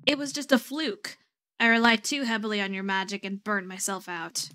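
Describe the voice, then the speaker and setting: A woman's voice: mid-range voice, normal speed, bright, forceful tone, close to an everyday voice. A woman voicing a brash, defensive young female fighter in a role-playing game.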